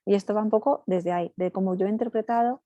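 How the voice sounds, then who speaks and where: A woman family therapist giving a talk to parents, explaining in a steady teaching way with frequent "right?" tags. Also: medium pitch, fast talker, no echo, lo-fi sound. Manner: acts out parents' and children's lines in passing.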